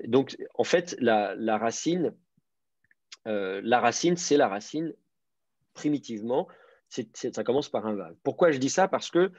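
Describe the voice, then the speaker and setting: Husky, hesitant male teacher, dry sound. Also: medium pitch, darkish tone, no echo. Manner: hesitant, many fillers and repeated words, patient explaining. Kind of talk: explanatory online class lecture. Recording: dry, slightly dull lo-fi sound.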